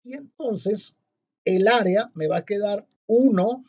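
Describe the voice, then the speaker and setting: A man's voice: high-pitched, darkish tone, breathy edge. A man teaching physics, working through exercises step by step and spelling out each calculation. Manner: deliberate, spells out each calculation and checks itself.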